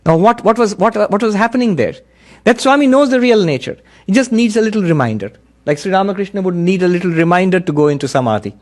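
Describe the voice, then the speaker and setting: A man's voice: sits high, animated, fast. Earnest man giving a spiritual talk. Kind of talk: spiritual discourse with storytelling.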